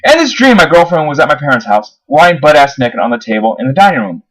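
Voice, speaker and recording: A man's voice: a little high, very animated, fast talker, a bit bright, low-quality recording. A man reading his own first-person horror story aloud, his voice rising on the dramatic moments. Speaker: narrator.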